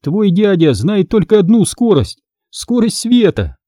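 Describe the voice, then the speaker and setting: A man's voice: high-pitched, sing-song, a little slow, dark tone, dry recording, clean studio sound, pitched above the performer's own voice, exaggerated voice. A man voicing a cheerful middle-aged aunt who exclaims and scolds fondly in a storybook reading. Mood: lively.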